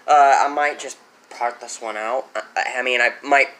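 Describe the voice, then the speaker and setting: A teenage boy showing off mowers in a casual vlog, rambling and correcting himself, getting excited as he goes. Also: medium pitch, measured pace. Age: teens. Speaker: small engine vlogger. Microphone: handheld phone.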